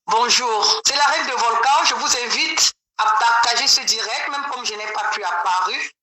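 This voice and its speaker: A woman's voice: a little high, moderate pace, bright, forceful tone, faint music behind. A woman caller heard over a speakerphone, giving an emphatic, rousing political address straight to the audience. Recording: roomy speakerphone call with crowd noise.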